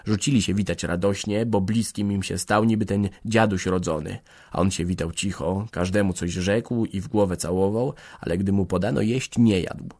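A man reading a classic novel aloud in a measured, expressive way. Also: low voice.

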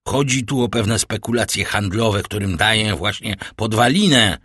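A man's voice: lowish voice, measured pace, fairly bright tone, slightly rough, no echo, studio quality. A man voicing a cold, scheming middle-aged banker who lectures his daughter with sarcastic irony. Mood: stern lecturing. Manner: stern, ironic, lecturing. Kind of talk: audiobook character voicing.

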